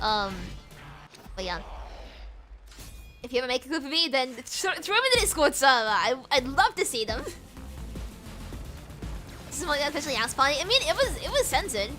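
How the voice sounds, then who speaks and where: A young woman streams a game and chats casually in a high, bright, forceful voice. Bubbly and giggly, she rambles and repeats herself, shifting back and forth between British and American accents.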